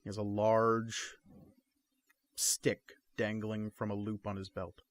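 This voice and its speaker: A man narrating a tabletop game as game master, with measured, descriptive delivery. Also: fairly low pitch, flat delivery, dry recording.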